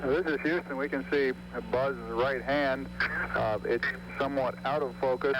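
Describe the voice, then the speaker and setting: A man at mission control talking over a breaking-up space radio link, measured and hesitant with fillers, in terse radio style. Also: mid-range voice, fairly even intonation. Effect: breaking-up space radio transmission. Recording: crackly lo-fi radio link with heavy static.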